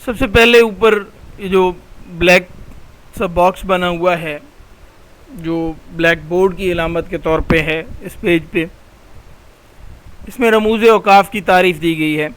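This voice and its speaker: A male college lecturer explaining grammar over slides in a patient, explanatory way, slowing down and repeating key terms. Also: sits high, fairly bright tone, clear, resonant tone, low-quality recording.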